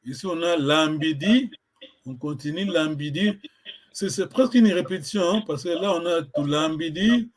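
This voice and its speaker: A man teaching a language lesson, patiently repeating words slowly for a learner. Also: a little high.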